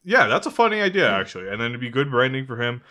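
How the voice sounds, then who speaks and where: A man's voice: medium pitch, very animated, rapid-fire, bright, forceful tone. A young man co-hosting a podcast in casual chat, laughing often and swearing freely. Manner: giggly, swears casually, says "like" and "dude" a lot. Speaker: podcast co-host.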